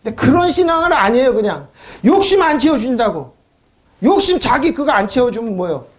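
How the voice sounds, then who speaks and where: A man preaching a sermon as a pastor. He talks in an animated way, asks rhetorical questions, mocks the complaints of believers, and calls for amens. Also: extremely high pitch, a little fast. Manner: calls for amen responses.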